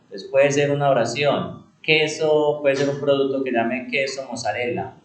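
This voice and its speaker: A male instructor teaching a computer class, asking rhetorical questions and answering them himself, repeating key words and slowing down on them for emphasis. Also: medium pitch, echoey room, slight background noise, low-quality recording.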